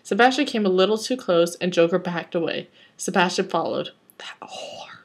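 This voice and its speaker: A woman's voice: fairly low pitch, fairly quick. Chatty woman reading fanfic with asides. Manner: chatty, rambling asides, wry. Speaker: reader. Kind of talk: reading fanfiction aloud with commentary.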